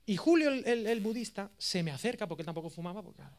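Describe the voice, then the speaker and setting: A man in his thirties with an accent from Spain, giving a course lecture as a lively, self-mocking storyteller. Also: high-pitched, fast. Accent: Spain Spanish. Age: 30s. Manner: animated, self-mocking, jokey.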